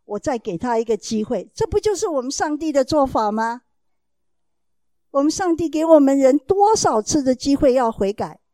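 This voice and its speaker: A woman speaks to an audience about raising children, telling the story in an animated way and acting out the dialogue. Her voice sits fairly high but sounds mellow and soft-edged. The recording is dry, with almost no room sound. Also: moderate pace, dry recording. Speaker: mother giving parenting advice.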